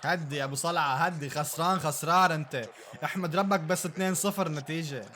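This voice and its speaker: Excitable high-voiced man reacting to football. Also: fast. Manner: excitable, bursts into shouts and laughter at big plays. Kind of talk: live match reaction commentary.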